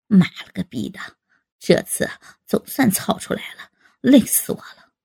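A woman voicing a rough, coarse man in an adult audio story, with a gruff low voice. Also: huge pitch swings, a little slow, dark tone, heavily acted.

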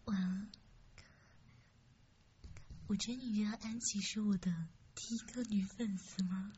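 Young woman, soft close whisper, teasing streamer, slightly dull lo-fi sound, faint hiss. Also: mid-range voice, fairly even intonation, measured pace. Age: young adult. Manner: teasing, playful, reads comments. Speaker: radio streamer host. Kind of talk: whispered live-stream chat.

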